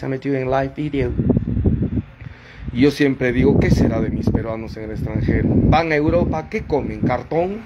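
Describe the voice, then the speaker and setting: A Peruvian man with a Peruvian Spanish accent ranting in a live video, dramatic and preachy, moving from mumbled asides to sudden high outbursts. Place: outdoors by a noisy street with passing vendors. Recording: live phone video with loud street noise. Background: loud street noise, horns and passing vendors.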